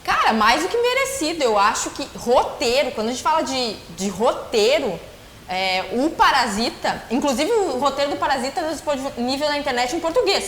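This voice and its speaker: A woman's voice: sits high, expressive, moderate pace, a bit bright, roomy sound. A woman, a guest film critic, talks about a film in casual panel chat, thinking aloud with fillers.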